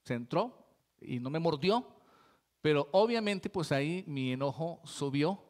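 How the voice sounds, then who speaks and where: A man with a rather high voice delivers a sermon to his congregation. He talks in a relaxed, conversational way, tossing frequent rhetorical questions to the listeners between his points. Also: measured pace. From Colombia. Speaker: pastor.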